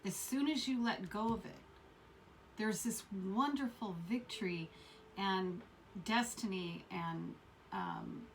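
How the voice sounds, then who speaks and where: A woman's voice: medium pitch, slow, distant mic, slight background noise. Rambling woman reading tarot cards. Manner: rambling, repeats words, many fillers. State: coughing fits. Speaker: tarot reader. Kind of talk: casual tarot reading to camera.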